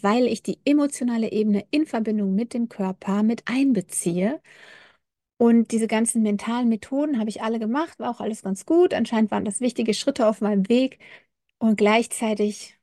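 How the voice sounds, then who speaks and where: A woman's voice: on the high side, mellow, dry recording, clean studio sound. A woman coaching people with chronic pain, talking casually and reflectively to the listener, acting out inner voices along the way. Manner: addresses the listener informally, frequent fillers. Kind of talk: casual direct-to-camera talk.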